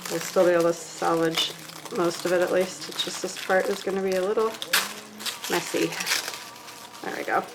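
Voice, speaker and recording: A woman crafter chats through an unboxing in a slightly low voice. She gushes warmly over each item and thinks out loud as she works with her hands. Her talk is loose and casual, dotted with fillers. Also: little pitch movement, normal speed, pauses often, heavy background noise. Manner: chatty and gushing, with many fillers; thinks aloud while handling craft supplies. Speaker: craft vlogger.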